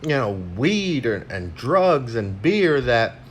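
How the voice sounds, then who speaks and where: A man rambles through a crude, casual rant, recorded on a phone while he snacks. His pitch swings widely from low mutters to sudden high bursts. A faint background hiss sits under the voice. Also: big pitch swings, slow. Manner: crude, rambling, frequent fillers. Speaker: vlogger.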